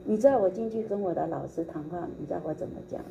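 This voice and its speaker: A woman's voice: lowish voice, very fast, vocal fry, muffled recording. Older woman telling a testimony. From Taiwan. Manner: animated, acts out quoted dialogue, laughs often. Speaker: preacher giving a testimony. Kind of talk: storytelling testimony sermon. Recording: recording with steady background noise.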